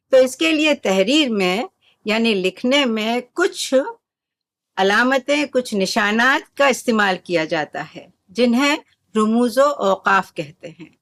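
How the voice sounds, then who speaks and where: A woman teaching an Urdu lesson, explaining patiently and calmly with examples. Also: a little high, no room sound, studio quality.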